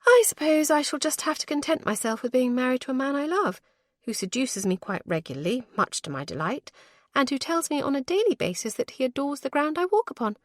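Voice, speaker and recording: A woman voicing a spirited young newlywed gentlewoman, playful and arch in her teasing. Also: high voice, sing-song, dry recording, clean studio sound, voice pushed up. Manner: playful, arch, quick to tease.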